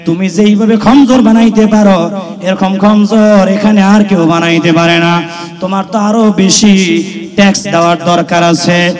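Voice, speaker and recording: A man's voice: high voice, fairly even intonation, moderate pace, over music, lightly acted. A male preacher voicing a stern ruler who rebukes a worker in a firm, declaiming way.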